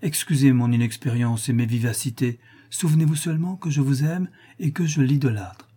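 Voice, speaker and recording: A man voicing a passionate, impulsive young countess, pleading and effusive, his voice lifted higher. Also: moderate pace, warm tone, breathy edge, close to an everyday voice.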